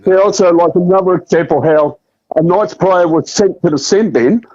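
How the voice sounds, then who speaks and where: A man's voice: high-pitched, normal speed, a little mellow, no echo. A man phoning in to a talk show, speaking hesitantly with lots of fillers, his voice muffled as if he were inside a fishbowl. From Australia. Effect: muffled phone line, like inside a fishbowl. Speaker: caller. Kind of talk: casual call-in chat. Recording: dull muffled phone line.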